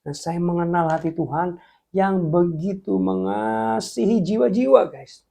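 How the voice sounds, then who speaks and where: A young man from Jepara, Indonesia, telling a testimony in a sermon, talking to listeners as "guys" and swinging between hushed and excited delivery. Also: high-pitched, measured pace, vocal fry. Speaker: preacher.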